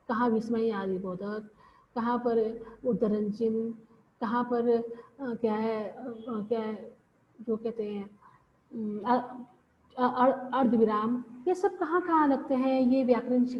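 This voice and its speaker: A woman giving a classroom lecture, explaining slowly and repeating phrases with pauses. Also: on the high side, a little hiss or hum. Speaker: teacher. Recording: dull lo-fi audio with long reverb.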